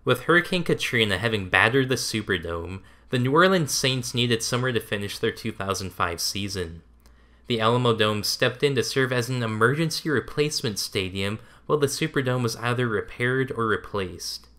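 Man narrating a documentary, bright tone. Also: medium pitch, animated, moderate pace.

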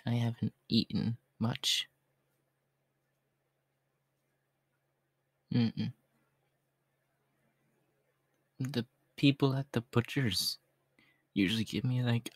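ASMR role-play, man acting as shy young cat-boy, homeless, gentle, halting slow speech, dry close sound, medium pitch. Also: husky, dry recording. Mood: hesitant. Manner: hesitant, halting, softly polite.

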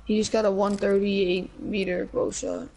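A woman's voice: medium pitch, flat delivery, normal speed, darkish tone, slight background noise. A woman in casual gaming chat, making urgent and repetitive callouts. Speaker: gamer.

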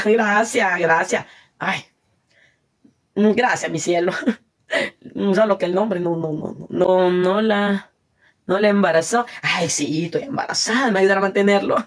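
On a phone live stream, a Salvadoran woman with a medium-pitched voice chats casually, reading out viewer comments, laughing often, and thanking her viewers.

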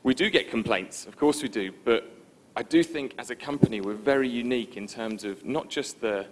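A man giving a conference presentation in a relaxed, informal, self-deprecating way, with frequent ums. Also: mid-range voice, brisk. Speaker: conference speaker. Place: conference stage before an audience.

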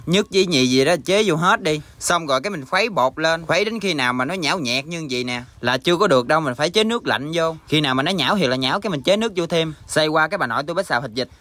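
A man's voice: a little high, a bit bright. A young man with a Mekong Delta accent, chatting casually and playfully to viewers while he cooks. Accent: Mekong Delta Vietnamese. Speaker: cooking vlogger. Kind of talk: casual cooking chat to viewers.

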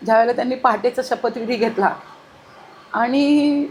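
A woman's voice: on the high side, moderate pace, a little mellow, a little hiss or hum. Earnest middle-aged woman recalling past work. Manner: earnest, emphatic, lists details in long runs. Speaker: former mayor, interview guest. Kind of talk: reminiscing interview answers.

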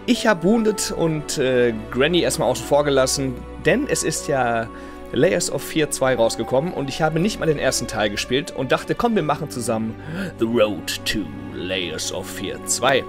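A let's play host in his thirties, nursing a cold, speaks at a moderate pace in a medium, slightly nasal voice with lively intonation. He chats casually while playing and reading the game's letters aloud in his home gaming room, heard over clear game music.

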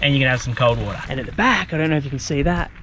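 A man's voice: mid-range voice, expressive, racing, pushed and bright. Laid-back Australian man on a travel vlog. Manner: laid-back and friendly, with slang. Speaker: travel vlogger. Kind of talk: casual travel vlog chat. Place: outdoors beside a camper van. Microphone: handheld action camera. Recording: background music throughout.

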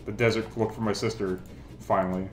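A man's voice: on the low side, level tone, fast talker. A young man hosting a game let's play, chatting casually and swearing a lot. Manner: laid-back, swears a lot. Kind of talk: casual gameplay commentary. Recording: roomy, loud game music behind. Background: game music.

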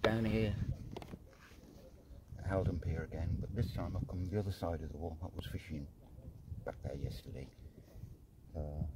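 A man in middle age talks his viewers through his fishing setup in a relaxed, chatty way. He is recording himself on a phone outdoors on a harbour pier. Wind and water noise sit clearly behind his voice. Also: sits low, normal speed, pauses often. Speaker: fishing vlogger. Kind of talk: casual vlog to camera. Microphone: phone camera at arm's length.

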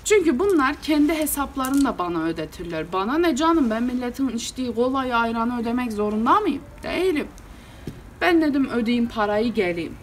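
Hot-tempered male village headman, performed by a woman, telling his tale solo, animated and fed up. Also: on the high side, fairly quick, slight background noise, natural voice. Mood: exasperated. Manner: animated, exasperated, repeats "I said". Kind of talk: solo storytelling performance, meddah style.

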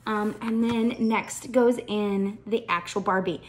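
A woman's voice: medium pitch, fairly even intonation, takes it slowly. A woman chatting through a show-and-tell vlog as she packs a gift box, enthusiastic and full of ums. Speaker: shoebox packing vlogger.

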